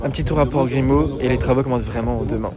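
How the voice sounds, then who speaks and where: A crowd can be heard in the background as a man talks fast, with fairly even intonation and a medium pitch, while walking through an indoor apartment he's renovating. He casually explains things to camera as a renovation vlogger.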